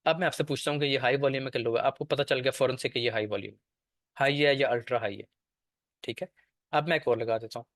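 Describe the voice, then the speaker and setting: A man's voice: mid-range voice, fast talker, a bit bright, no echo, studio quality. A man teaching a trading class over a screen share, explaining step by step and often checking that the listener follows.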